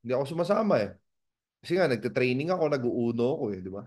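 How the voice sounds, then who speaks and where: A man from the Philippines giving a motivational seminar talk as a business mentor, animated and asking the audience rhetorical questions. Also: medium pitch, very fast. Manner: animated, acts out dialogues in raised voices.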